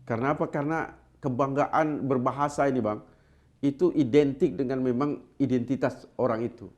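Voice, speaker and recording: A man hosts a casual interview, asking his questions in a measured way. He slows down to stress his key words. His tone stays even and middle-pitched. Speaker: interviewer host.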